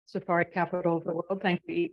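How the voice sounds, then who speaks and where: A woman talking into a handheld mic at a conference, her voice level and even in pitch. She introduces herself in brisk, clipped fragments, sure of herself. The sound is dry and a little dull and lo-fi. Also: no room sound. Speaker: fund managing partner, panelist. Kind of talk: panel self-introduction. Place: conference hall. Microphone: handheld microphone.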